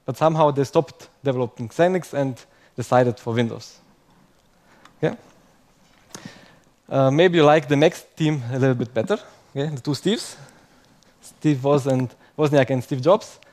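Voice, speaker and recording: Presenting to a live conference crowd, this young man talks in English, his second language, in a chatty, self-deprecating way, tacking "okay?" onto many points. His voice is medium-pitched and darkish, and he moves at a normal speed while pausing often.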